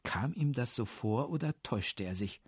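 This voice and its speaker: Husky man reading a storybook. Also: mid-range voice, animated, normal speed, no room sound, studio quality. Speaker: narrator.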